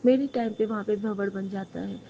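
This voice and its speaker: A woman with a mid-range, gravelly, mellow voice speaks fairly quickly in a steady tone. She earnestly retells a dream to her congregation as a devotional testimony, addressing her listeners directly. The recording is dull and lo-fi with faint noise.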